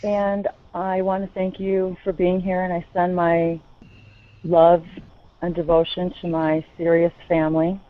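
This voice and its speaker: A woman asking a question as a participant, speaking politely and earnestly in a measured way. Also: on the low side, flat delivery. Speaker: audience member asking a question. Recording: thin phone-like lo-fi audio.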